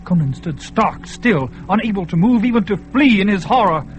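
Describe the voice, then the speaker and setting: Narrating a fantasy radio drama, this man uses a high-sitting voice with lively intonation at a moderate pace. He performs it dramatically, building to swells at climactic moments and dropping to a hush when things go quiet.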